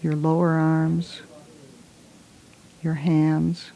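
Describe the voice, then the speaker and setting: A woman leads a guided relaxation in a soft, hushed voice, giving gentle, soothing instructions in short phrases. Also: low voice, monotone, very slow, creaky, poor audio.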